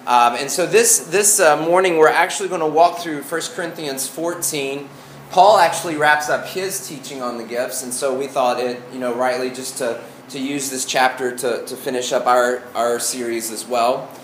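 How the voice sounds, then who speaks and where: A man with an Arkansas Southern accent teaching an informal sermon as a pastor, folksy and halting, often restarting his phrases. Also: mid-range voice, steady tone, fairly bright tone. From Arkansas, United States. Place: indoor room before a congregation. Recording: echoey room, faint background noise.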